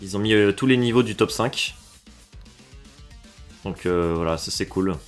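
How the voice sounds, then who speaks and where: A lower-voiced man from France reacting to game levels in a casual streamer way. He drops into quiet mumbles, then jumps up loud and excited, swearing freely. Faint music plays under his voice. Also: unhurried. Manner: animated, swears and shifts from low mutters to excited outbursts.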